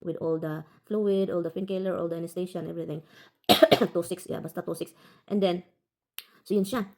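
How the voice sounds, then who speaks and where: A woman's voice: on the low side, fairly even intonation, normal speed, a little mellow. A woman from the Philippines telling a rambling story to her viewers, calling them "guys" all the time and restarting her sentences. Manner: frequent self-corrections and restarts. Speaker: vlogger.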